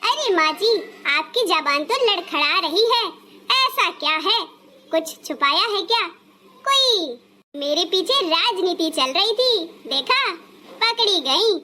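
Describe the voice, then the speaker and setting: A woman voicing a sharp-tongued elder daughter-in-law in a cartoon, speaking in an accusing, sarcastic way. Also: very high voice, expressive, slow, a little hiss or hum, full character voice. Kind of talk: Hindi cartoon dubbing.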